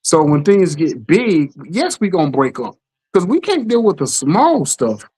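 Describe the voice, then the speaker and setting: Animated man telling stories, leaping pitch. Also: measured pace, husky. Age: adult parent. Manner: animated storytelling, acts out quotes with jumps in pitch; repeats "you know what I'm saying". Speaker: podcast co-host. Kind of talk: casual chat.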